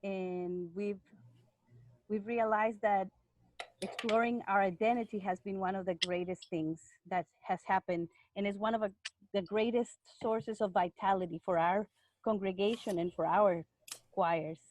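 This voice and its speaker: A woman's voice: medium pitch, fairly even intonation, a little slow, darkish tone, a little hiss or hum, rough recording. A woman hosting and introducing guests on a video call, speaking casually with some fillers. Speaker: host, church music director.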